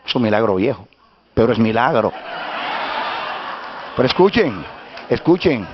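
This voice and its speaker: A man's voice: medium pitch, very animated, a little slow, background noise. A male pastor telling a story in a sermon, emphatic and insistent, repeating himself for weight. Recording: dull lo-fi sermon recording.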